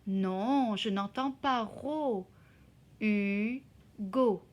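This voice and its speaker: A woman teacher explaining a reading exercise to children slowly and carefully, sounding out syllables. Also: mid-range voice, lively intonation. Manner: slow, careful, spelling out syllables. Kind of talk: slow classroom explanation in two languages.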